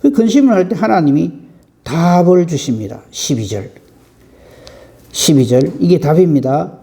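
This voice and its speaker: Pastor, male; animated, folksy dawn sermon, mellow and warm tone. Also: on the high side, normal speed, gravelly. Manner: lively, folksy preaching with rhetorical questions.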